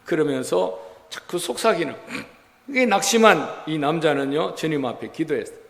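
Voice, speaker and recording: A man's voice: fairly high pitch, animated, moderate pace, creaky, fairly bright tone. A male pastor preaching a Sunday sermon, exhorting the congregation and questioning them as he tells a story. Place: church sanctuary. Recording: reverberant church hall.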